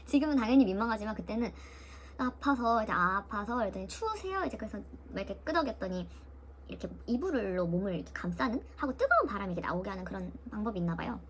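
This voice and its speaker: Young woman vlogger, quick casual storyteller who imitates others, faint background hiss. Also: mid-range voice. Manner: lively, mimics voices of nurses and her sister while retelling.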